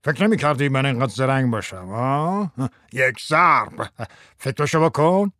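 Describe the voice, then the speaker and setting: A man's voice: medium pitch, expressive, bright, forceful tone, no echo, studio quality. An actor playing a chatty, self-satisfied middle-aged husband and businessman in a radio drama. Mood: boastful.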